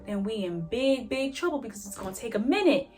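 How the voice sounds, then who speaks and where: A woman's voice: a little high, sing-song, a little fast, a little mellow. A woman playing a folksy rural southern male farmer who drawls and calls people honey and baby. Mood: worried.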